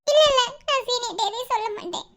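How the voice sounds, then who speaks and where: A woman voicing a timid young college girl in a cartoon, pleading softly through tears. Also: lively intonation, quick pace, heavily acted. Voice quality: very high, bright voice. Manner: pleading, soft and tearful. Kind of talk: animated cartoon voice acting.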